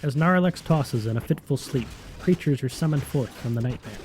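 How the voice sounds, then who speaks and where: A man's voice: medium pitch, animated, brisk, a little mellow, husky. A man narrating scripted fantasy game lore as a storyteller.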